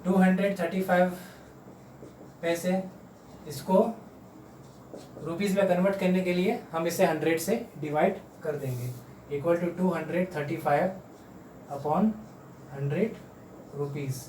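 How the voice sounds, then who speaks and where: A man teaching a home math lesson to children, patiently repeating each number slowly. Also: sits high, a little mellow, far from the mic. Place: room at home. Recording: roomy, off-mic, faint hum.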